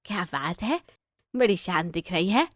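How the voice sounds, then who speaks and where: A chatty market vegetable seller in a cartoon story, as a woman narrator puts her on, asking questions with curious, lively inflection in a dry, close recording. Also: fairly low pitch, moderate pace, dry recording.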